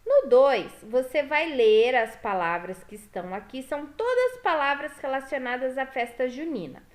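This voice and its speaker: A woman's voice: high voice, big pitch swings. A Brazilian woman teaching young children through a workbook in a sing-song teacher voice, often checking with "tá?". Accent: Brazilian Portuguese. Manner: slow, sing-song teacher talk with frequent "tá?" and "ó". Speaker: primary school teacher.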